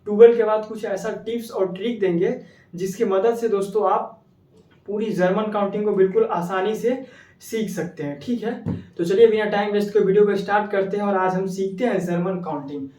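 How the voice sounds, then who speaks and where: A man from India, teaching a casual video lesson. He explains slowly, repeats words and asks the viewer questions. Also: high-pitched, warm tone, recorded from a distance. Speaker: language teacher. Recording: echoey room, voice a bit off mic.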